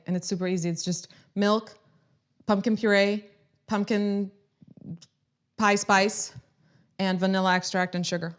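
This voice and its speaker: A Croatian woman in her thirties, a lifestyle video host, chats on a casual live stream in an upbeat, friendly, rambling way, full of restarts and side remarks. Her voice sits at an ordinary middle pitch.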